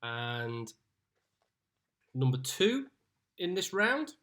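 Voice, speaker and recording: A man's voice: mid-range voice, big pitch swings, drawn-out words, bright, forceful tone. A man hosting an online pub quiz over a video call, reading each question twice with chatty asides. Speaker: quiz host.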